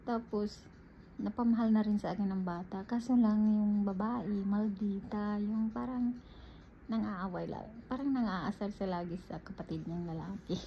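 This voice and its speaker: Her voice mid-range and creaky, a vlogger from the Philippines talks about her life at a moderate pace. She's animated and casual, addressing viewers as "guys," over dull lo-fi audio carrying faint background noise.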